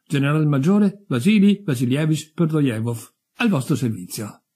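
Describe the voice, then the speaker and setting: A man voicing a pompous elderly general who speaks in a slow, condescending way. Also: animated, warm tone, slightly rough. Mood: patronizing. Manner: measured, condescending, low. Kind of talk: audiobook character voice.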